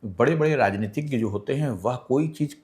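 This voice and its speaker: A man's voice: mid-range voice, brisk, a little mellow. A man analysing politics on a news discussion, explaining at length and emphatically. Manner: explanatory, emphatic, asks listener to decode.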